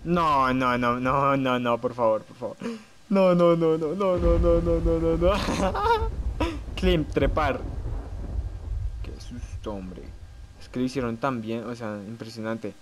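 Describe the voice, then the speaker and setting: A man's voice: mid-range voice, background noise. A young man playing a horror game, muttering to himself and shrieking at the scares. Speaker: gamer.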